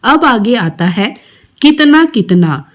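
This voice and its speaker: A woman's voice: fairly high pitch, big pitch swings. A woman teaching a textbook lesson to young schoolchildren, reciting a short poem and then going through each exercise step by step. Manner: slow, explaining each step to young children.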